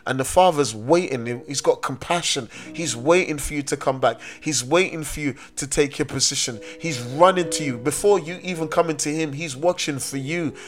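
Emphatic male preacher, slightly high voice. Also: normal speed, few pauses. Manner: emphatic preaching, repeats key phrases, drags out stressed words. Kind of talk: sermon.

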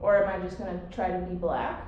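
Chatting as a podcast guest, a woman speaks quickly in a lowish, slightly mellow voice, cursing freely, being blunt and laughing frequently. The audio has its highs cut off, slight background noise and heavy room echo.

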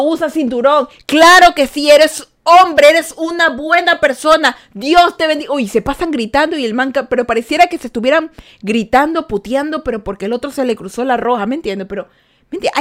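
A woman hosting a live stream and podcast, chatting casually and acting out little dialogues with jumps in her voice. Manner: animated, acts out little dialogues with jumps in pitch. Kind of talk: casual chat with live viewers.

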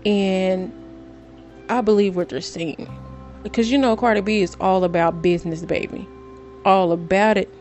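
A middle-aged woman vlogging to her viewers in a casual, storytelling way, excitable and given to dramatic repetition. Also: medium pitch, normal speed, long pauses, soft background music.

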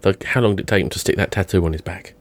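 A man's voice: sits low, rapid-fire. A man taking part in a casual film chat.

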